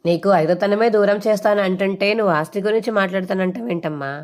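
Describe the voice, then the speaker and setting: A woman's voice: mid-range voice, fast talker, darkish tone, lightly acted. A woman voicing a grown son who teases his mother in a mock-serious, dramatic way. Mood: teasing.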